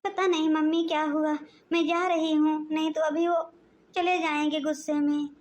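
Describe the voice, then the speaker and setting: A woman's voice: high voice, flat delivery, moderate pace, a little mellow, lightly acted. A woman voicing a meek young wife in a cartoon, pleading and placating with her angry husband.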